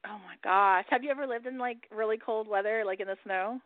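A woman's voice: mid-range voice, a little fast, no echo. A woman hosting a radio show in casual chat, who swears freely and laughs often. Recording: dry, phone-like line.

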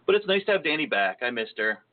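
The recording sounds tinny and phone-like as a man hosts a laid-back podcast, teasing himself and joking around. He speaks quickly at medium pitch, with big swings in intonation.

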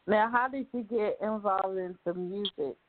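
A woman hosting a talk show, asking questions with enthusiastic praise and quick laughs. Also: mid-range voice, dry recording. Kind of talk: casual interview. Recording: tinny phone line, dry.

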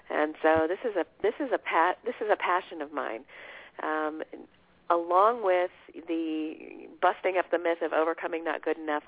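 Woman, croaky from a cold, interview guest, emphatic, low-fidelity phone audio. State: has a cold. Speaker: guest coach. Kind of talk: conversational interview. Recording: tinny phone line.

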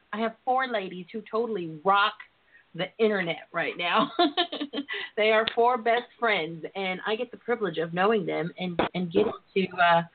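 A woman's voice: medium pitch, a little hiss or hum. A woman hosting a talk show in a sassy, bawdy, playful way, flirtatious and free with endearments. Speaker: radio talk show host, relationship and intimacy coach. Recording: tinny phone-line internet radio sound.

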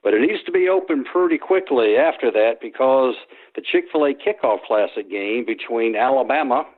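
A sports historian with an animated, medium-pitched voice talks at normal speed in a phone interview. He rambles, restarting frequently and filling pauses, over a tinny line.

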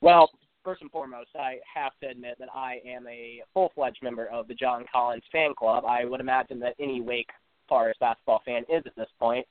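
A man's voice: mid-range voice, steady tone, brisk, dry recording. A man co-hosting a casual sports talk podcast, telling game stories as an eager fan with some "uh" fillers. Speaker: podcast co-host. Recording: dry tinny phone-like line.

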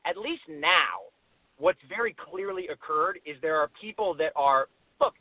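Male radio caller, measured and reasoning; slightly high voice, dry, phone-line quality. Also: expressive, dry recording. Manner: reasoned, measured arguing with many "right?" asides. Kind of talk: call-in debate.

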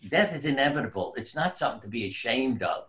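A man who is a surgeon and author, telling stories in an unhurried, reflective way as an interview guest, sometimes dropping to soft quiet tones. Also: medium pitch, animated. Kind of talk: conversational storytelling.

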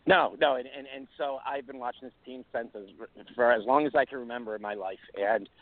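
A man from New York hosts a sports talk show, rambling through his picks with plenty of "uh"s and restarts. His voice is mid-pitched and comes over a dry, tinny, phone-like line. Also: dry recording. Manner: rambling with many fillers and restarts. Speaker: sports radio host.

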